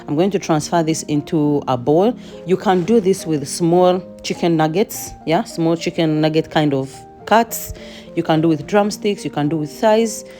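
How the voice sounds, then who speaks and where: A woman's voice: low voice, normal speed, dark tone, faint music behind. A woman home cook giving a chatty cooking voice-over with playful asides.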